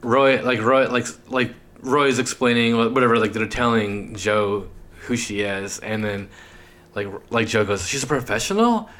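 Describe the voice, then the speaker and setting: A young man co-hosting a podcast in casual chat, animated and quick to laugh, leaning on "like" a lot. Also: on the low side. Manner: animated, laughs often, many "like" fillers. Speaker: podcast co-host.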